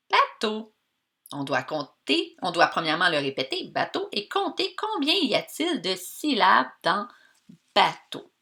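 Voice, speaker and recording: A woman teacher with a Québécois accent giving a reading lesson to children, slowly drawing out the sounds in words and encouraging her pupils. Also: on the low side, bright, forceful tone. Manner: slow, stretched-out sounds of words for young learners; encouraging, addresses pupils directly.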